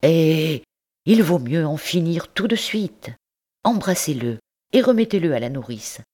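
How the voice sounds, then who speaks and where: A woman's voice: low voice, expressive, unhurried, dark tone, pitched above the performer's own voice. A woman voicing a stern middle-aged uncle and politician in an audiobook, speaking in curt, brusque words.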